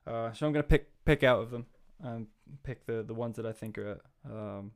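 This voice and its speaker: A man's voice: mid-range voice, moderate pace, clear, resonant tone. A man who works as a coach, talking in a casual chat in a rambling way, with many restarts. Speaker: guest, coach.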